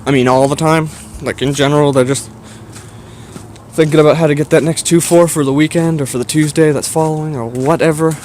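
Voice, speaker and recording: A man's voice: a little high, steady tone, a little fast, a little mellow, a little hiss or hum. A man with a Canadian accent chatting casually to his viewers in a hesitant, meandering way while out and about. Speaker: vlogger. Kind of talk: casual rambling chat to viewers.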